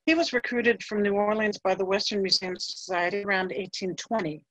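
Measured woman curator reading notes. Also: mid-range voice, steady tone, dry recording, poor audio. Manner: measured, reads from notes with occasional fillers. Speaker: museum curator. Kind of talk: scripted museum history presentation.

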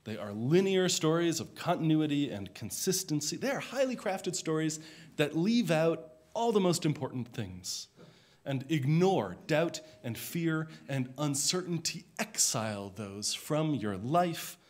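A man who is a minister, giving a sermon in a reflective, measured way, his voice dropping softly at the ends of phrases. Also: fairly high pitch, big pitch swings. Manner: slow, reflective, measured delivery.

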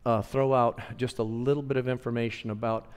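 A pastor preaches to his congregation in a mid-range man's voice, repeating phrases for emphasis and asking the room to answer him. He drops to near-hushed lines, then rises loud and emphatic. The sound carries a long reverb from the church hall. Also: medium pitch, little pitch movement, brisk, clear, resonant tone. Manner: swings between hushed lines and louder emphatic ones. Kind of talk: sermon. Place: church sanctuary.

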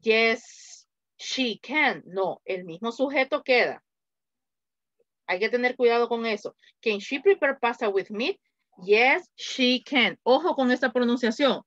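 Here a woman with a Latin American Spanish accent runs an online English grammar class, patiently repeating example answers at a slow pace. Her slightly high voice has lively intonation, and the audio is dull with no echo.

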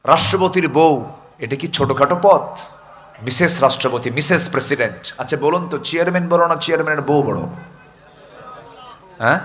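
A man's voice: fairly high pitch, normal speed, long pauses, a bit bright. A male preacher giving an impassioned sermon, chanting scripture verses and putting questions to the listeners.

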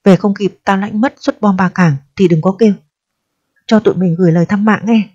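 A woman voicing a brisk, bossy young male soldier urging a comrade on, on a slightly dull lo-fi recording. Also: mid-range voice, darkish tone, no echo, lightly acted.

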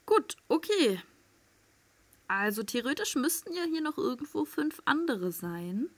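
A woman giving excitable live commentary on her gameplay, swearing freely and swinging between loud outbursts and tense whispers. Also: high voice, unhurried. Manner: swears freely, talks to viewers with tag questions. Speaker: let's play gamer.

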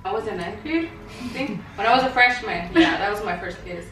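A young woman co-hosting a casual chat, talking in an unhurried way with hesitant fillers. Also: medium pitch, animated, a bit bright, distant mic. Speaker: co-host. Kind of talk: casual chat over a meal. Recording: echoey room, from the mic, music. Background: music.

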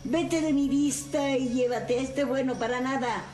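A woman's voice: sits high, normal speed, darkish tone, soft background music, close to an everyday voice. An actress playing a haughty, scornful lady of the house in a telenovela. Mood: cold, scornful. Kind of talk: telenovela acting.

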